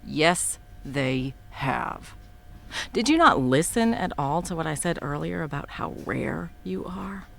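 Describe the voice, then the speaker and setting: In an audio roleplay, a thirtysomething woman plays an indignant, sharp-tongued supervillain and old arch-enemy, blunt and profane, starting out mocking before switching to coaxing with pet names. Her exaggerated voice sits low with vocal fry, yet has a fairly bright tone. She takes it slowly, with lively intonation.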